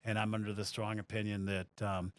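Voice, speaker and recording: A man's voice: fairly low pitch, level tone, fairly quick, no echo. A man hosting a podcast, chatting casually in a friendly, agreeable way with a bit of dry sarcasm. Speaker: podcast host. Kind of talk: casual chat.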